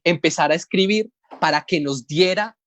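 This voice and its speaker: Relaxed Colombian man explaining comics editing. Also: on the high side, normal speed. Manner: relaxed, rambling, explains step by step. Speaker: comics editor. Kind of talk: casual panel talk.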